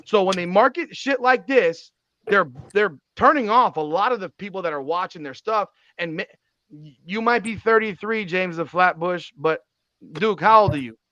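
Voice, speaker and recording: A man's voice: high-pitched, normal speed, bright, forceful tone, no echo. A man in his forties hosting a podcast, talking in an emphatic, repetitive way and swearing freely. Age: 40s. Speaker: podcast host. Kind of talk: casual podcast chat. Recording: dull, slightly lo-fi sound.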